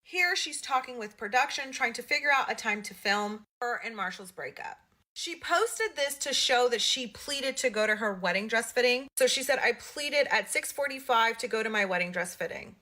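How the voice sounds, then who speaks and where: A woman with a fairly high, very bright and forceful voice presents a commentary video. She is blunt and matter-of-fact, walking through messages and reading them out. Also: expressive, moderate pace. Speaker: social media gossip commentator.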